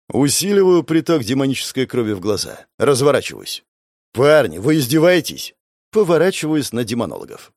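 A man narrating a first-person audiobook in a sardonic, expressive way, with frequent swearing. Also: medium pitch, dry recording, studio quality.

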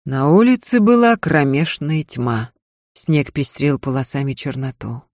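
A man reading a novel aloud in measured, even narration. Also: on the high side, no room sound, studio quality. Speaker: audiobook narrator.

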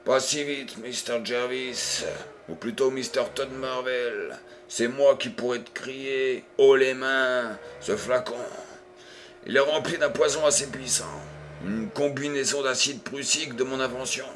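A man's voice: mid-range voice, unhurried, a bit bright, slight background noise, lightly acted. A man reading an audiobook, voicing a brutal, cunning male villain doctor who taunts and threatens in a menacing, gloating way.

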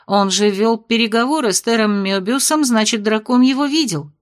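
Anxious grumbling young student read by a woman, slightly high voice, audiobook character. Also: normal speed, lightly acted.

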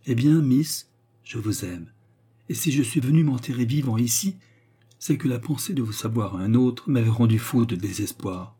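A man's voice: mid-range voice, moderate pace, mellow, husky, close to an everyday voice. A man voicing an earnest, lovesick young baronet in a read-aloud classic story, speaking in a pleading, heartfelt way. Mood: tender.

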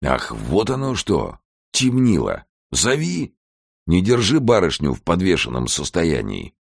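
A man voicing a gruff, blunt older male artist in an audiobook. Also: low voice, wildly swooping pitch, a little slow, dry recording, studio quality, pitched above the performer's own voice, exaggerated voice. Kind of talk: audiobook character voice.

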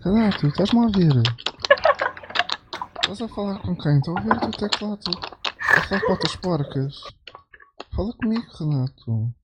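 Prank caller, European Portuguese man, slightly high voice, mocking, loud hiss over a headset chat. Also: animated, moderate pace, pauses often. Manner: coaxing then insulting, mocking. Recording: loud noisy voice chat with clicks.

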